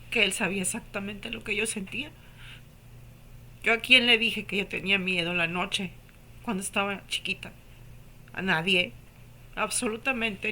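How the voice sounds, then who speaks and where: Bright-voiced woman giving a hushed testimony. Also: mid-range voice, slight background noise. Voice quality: emotional, hushed storytelling with drops to a whisper. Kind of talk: personal religious testimony.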